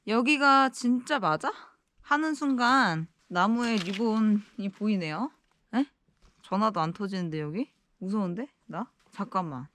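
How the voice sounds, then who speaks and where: A woman's voice: medium pitch, lively intonation, measured pace, a bit bright, a little hiss or hum. A woman talking casually to viewers on an outdoor vlog, nervously muttering to herself as she walks carefully. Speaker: solo backpacking vlogger. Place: outdoors in an icy valley.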